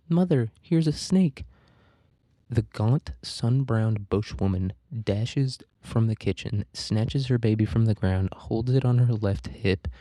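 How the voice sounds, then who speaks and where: A man with a dark, mellow, fairly low voice reads a story aloud and keeps stopping for crude, irreverent jokes. The sound is dry and close, with no room echo. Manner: irreverent, swearing, laughing asides. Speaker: podcast host. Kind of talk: reading a story aloud with casual commentary.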